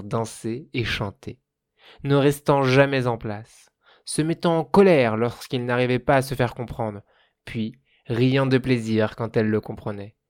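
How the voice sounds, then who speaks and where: A man narrating a folk tale as a storyteller. His reading is calm and measured, in a voice of middle pitch. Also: dry recording, studio quality.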